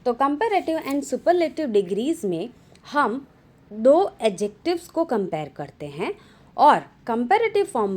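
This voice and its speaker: A woman teaching English grammar, explaining in Hindi mixed with English and slowly dictating word lists. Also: fairly high pitch, a little mellow. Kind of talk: classroom grammar lesson.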